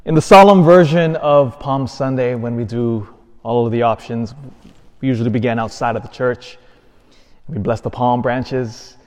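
Male priest mid-sermon, middle-pitched, earnest, swings between emphatic and hushed; big church reverb. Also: moderate pace. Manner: earnest, builds to emphatic peaks then drops soft. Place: large church.

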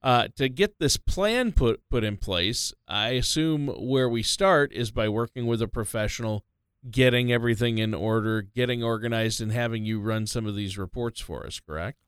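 A man's voice: medium pitch, moderate pace, smooth, no room sound, clean studio sound. Upbeat radio co-host, a man. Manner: upbeat, recaps and sets up questions. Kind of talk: talk radio co-hosting.

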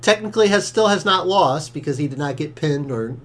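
A man's voice: a little high, expressive, brisk, a little hiss or hum. A man co-hosting a casual watch-along, recapping wrestling history with dry jokes.

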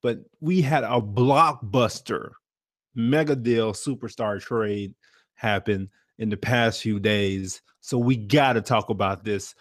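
Slangy podcast co-host guy, animated and jokey, dry sound, no room. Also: lowish voice, slow, no room sound. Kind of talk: casual chat about sports.

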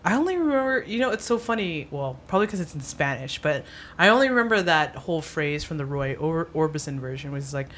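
A woman with a low-pitched voice co-hosts a casual podcast. She talks in a loose, animated way and often breaks into giggles mid-story. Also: fast talker, a little hiss or hum. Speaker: podcast co-host. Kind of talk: casual chat.

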